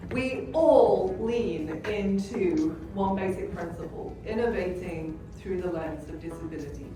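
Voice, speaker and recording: A woman's voice: on the low side, unhurried. A British woman giving a conference talk with chatty asides to the audience. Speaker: conference speaker. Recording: echoey hall, distant mic. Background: music bed.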